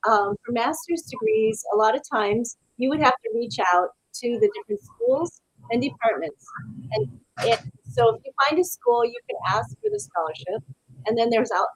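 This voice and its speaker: A woman's voice: fairly high pitch, big pitch swings, moderate pace, vocal fry, husky, dry recording, rough recording. A woman hosting a live webinar Q&A over a video call, chatting with many fillers and reading out viewer questions. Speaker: webinar host.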